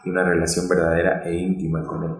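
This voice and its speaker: A man's voice: low voice, completely flat delivery, quick pace. A young man from Mexico, a podcast guest telling his story casually, ending almost every phrase with a questioning "¿no?". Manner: tag question "¿no?" after nearly every phrase. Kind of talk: casual testimony. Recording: very echoey room.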